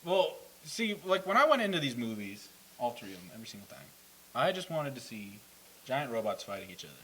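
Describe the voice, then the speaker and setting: A man's voice: medium pitch, big pitch swings, fairly quick, sharp tone, poor audio. A young man co-hosting a casual fan talk show, joking and slipping into silly voices. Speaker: co-host. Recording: faint hiss.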